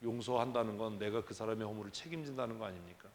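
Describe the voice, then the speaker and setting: A man's voice: on the low side, rapid-fire, in a large hall, slight background noise. A man preaching as pastor at a church prayer meeting, talking conversationally and emphatically with many rhetorical questions. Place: church sanctuary.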